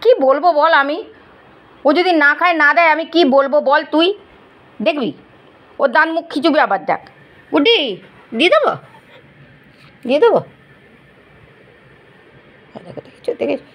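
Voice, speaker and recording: A woman filming her pet dogs, gently coaxing and scolding them in casual talk. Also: high voice, expressive, normal speed, pauses often. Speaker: pet owner vlogger.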